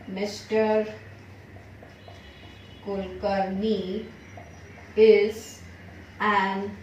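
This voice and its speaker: An Indian woman teaching English grammar, stretching out each example sentence word by word before explaining it in a quicker Hindi. Her voice is captured from a distance in a strongly echoing room with a faint ambient hiss. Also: on the high side, darkish tone. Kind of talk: grammar lesson. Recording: far-off echoey room recording.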